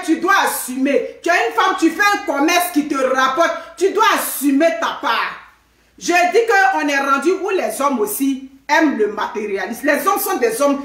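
A woman giving lively, emphatic advice to women, with many rhetorical questions and tag words like "hein". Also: sits high, far from the mic. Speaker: live video host giving advice to women. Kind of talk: casual animated advice talk to viewers. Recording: echoey room.

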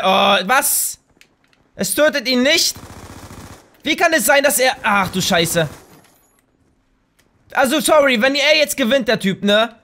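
Young German man, gaming commentary; very high, bright voice, hyped and prone to yelling at opponents. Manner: excitable, trash-talking, bursts into shouts. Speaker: gaming YouTuber. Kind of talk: live gameplay commentary.

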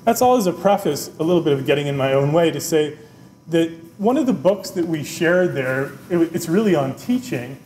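Animated man speaking at a podium. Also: a little high, moderate pace. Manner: animated, conversational, often adds "right?", gestures with both hands. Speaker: business school dean giving a keynote. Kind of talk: keynote speech. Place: lecture room, at a wooden podium, indoors. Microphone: podium microphone. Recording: roomy lecture-room sound, faint background noise.

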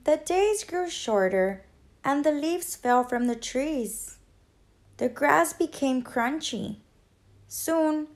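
A woman teacher reading a children's picture book aloud in an expressive, gentle storytelling manner. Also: on the high side.

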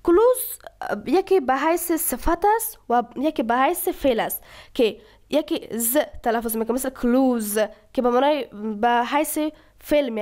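High-voiced woman teaching English slowly. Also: a little mellow. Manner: reads English sentences slowly, then explains each word in Dari. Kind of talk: bilingual vocabulary lesson.

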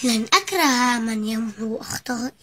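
A narrator voicing a proud, grumpy male pencil in an animated story for children. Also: medium pitch, fairly quick, music in the background, lightly acted. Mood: softened.

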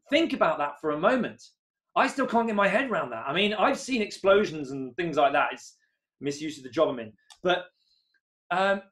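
Casting: man in his thirties, slightly high voice, earnest home-recorded sermon with bursts of excitement. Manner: earnest, rises to excited emphasis on key points. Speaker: preacher. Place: home room, indoors.

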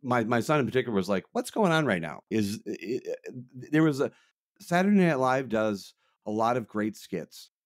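A middle-aged man co-hosting a political podcast, telling lively stories and laughing easily. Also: mid-range voice, moderate pace, no echo, studio quality. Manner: animated storyteller, laughs easily. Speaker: podcast co-host. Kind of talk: casual political chat.

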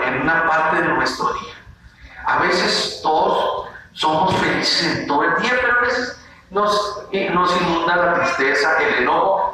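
A male preschool teacher, teaching young children in an animated way and acting out feelings in playful voices. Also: sits high. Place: classroom. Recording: very echoey room, voice from a distance, faint noise.

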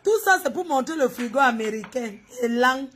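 A woman's voice: high voice, expressive, normal speed, fairly bright tone, slight background noise. A woman hosts a gossip channel. She gives mocking commentary over a video and scolds and teases the person on screen directly. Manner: scolding, teasing, talks straight at the person on screen.

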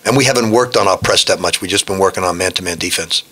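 Blunt older coach at a press conference. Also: male voice, low voice, fast talker, sharp tone, husky. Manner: blunt, frank, with frequent restarts. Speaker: head basketball coach. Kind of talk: post-game press conference. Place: press room in front of a backdrop. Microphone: desk microphone.

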